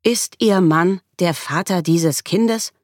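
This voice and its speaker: A woman's voice: on the low side, slow, no echo, clean studio sound, pitched above the performer's own voice. A woman reading an audiobook, voicing a prim, bureaucratic hospital receptionist who fires off clipped questions. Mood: brisk.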